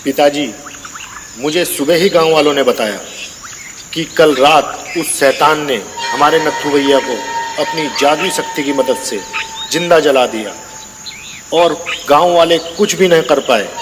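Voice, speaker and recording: A man's voice: fairly high pitch, measured pace, over music, close to an everyday voice. A man voicing a worried, earnest and respectful young village son in a storybook tale. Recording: long reverb, clear background noise.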